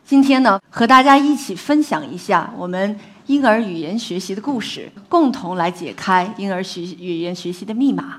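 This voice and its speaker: Woman, scientist, public talk, engaging, rhetorical questions, mid-pitched voice. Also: normal speed, few pauses. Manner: lively, engaging, asks the audience rhetorical questions. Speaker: infant cognitive scientist giving a talk.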